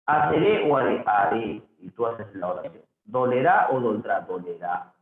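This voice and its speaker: A man teaching a grammar review lesson, slowly reading answers aloud and repeating them for the student. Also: mid-range voice, big pitch swings. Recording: echoey, phone-like lo-fi audio.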